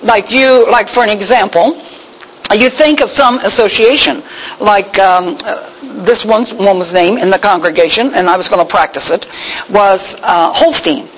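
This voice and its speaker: An older woman teaching a Bible lesson in a chatty, expressive sermon with humorous asides. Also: mid-range voice, moderate pace, a little hiss or hum, rough recording. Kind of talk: conversational sermon.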